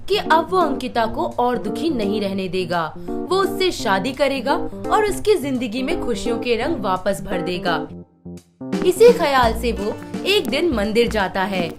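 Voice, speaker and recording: A woman narrating a cartoon moral story in an expressive storytelling way. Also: on the high side, measured pace, music in the background.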